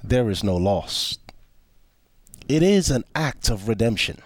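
Male host, measured and reflective, dry studio read. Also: on the low side, very animated, no room sound. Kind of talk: scripted opening, then panel discussion.

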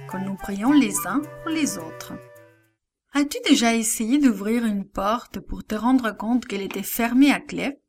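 A woman narrating a children's Bible lesson, speaking slowly and expressively and dropping to a hush at times. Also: on the high side. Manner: slow and expressive, with hushed asides.

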